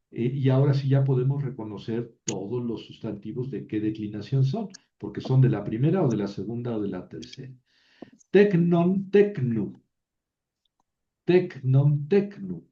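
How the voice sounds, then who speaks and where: A man's voice: mid-range voice, dark tone, dull audio. A man teaching a biblical Greek class, reciting word forms aloud one at a time and explaining them to his students. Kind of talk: classroom lecture.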